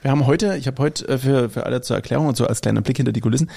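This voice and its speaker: Man with a German accent, podcast co-host in casual chat, gravelly and mellow, meandering storyteller. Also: medium pitch, rapid-fire. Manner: rambling, anecdotal, self-correcting.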